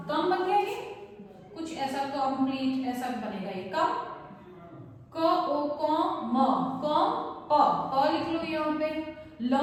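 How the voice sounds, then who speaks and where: A woman, teaching phonics patiently and spelling out sounds slowly, like a teacher at a board. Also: high-pitched. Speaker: English teacher. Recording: echoey room from far off, faint noise.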